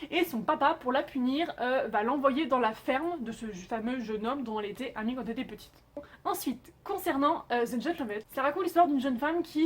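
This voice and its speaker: A young woman chatting casually as she reviews TV dramas, emphatic, with frequent filler sounds. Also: high voice.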